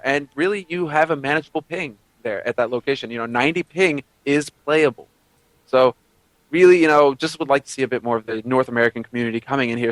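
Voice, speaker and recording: Relaxed young male co-caster, easygoing and jokey, mid pitch. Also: no room sound, poor audio. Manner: laid-back, joking, easygoing. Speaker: esports co-caster. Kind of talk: casual live game commentary.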